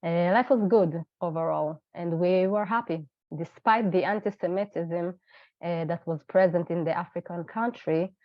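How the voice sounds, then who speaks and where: A woman from Ethiopia in her thirties tells her own story over a video call, earnest and halting with many fillers. Her voice sits on the low side and she is not feeling well. The sound is dry and dull, like a lo-fi call. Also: no room sound. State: unwell. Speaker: webinar guest speaker. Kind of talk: personal testimony.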